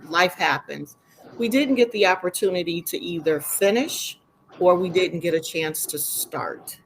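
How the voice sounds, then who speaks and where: A middle-aged woman with a fairly low voice talks to an online panel about her field. She speaks conversationally and often pauses on an um. A faint hiss sits under her voice. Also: rough recording. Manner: warm, conversational with frequent ums. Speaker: panelist, educator.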